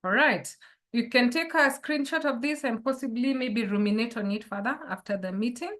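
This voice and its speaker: A woman with a somewhat high voice speaks as a life coach in an online workshop. She poses reflective questions to her listeners. She is heard over a video call. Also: moderate pace, fairly bright tone.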